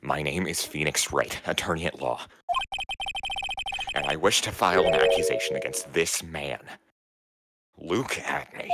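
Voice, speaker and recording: Phoenix Wright, read by a man in a very deep gravelly voice. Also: a little slow, long pauses, very noisy. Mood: earnest. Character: earnest young male defense lawyer. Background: loud game music.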